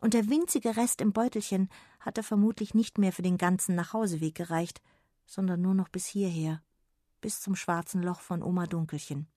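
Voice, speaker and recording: Husky-voiced woman reading a children's story. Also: lowish voice, moderate pace, dry recording, clean studio sound. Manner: calm, gentle, expressive. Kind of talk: children's bedtime story narration.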